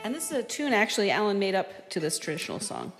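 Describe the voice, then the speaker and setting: A woman's voice: mid-range voice, big pitch swings, fast, soft background music. A woman with an American accent casually introducing songs and bantering as a musician co-hosting a concert.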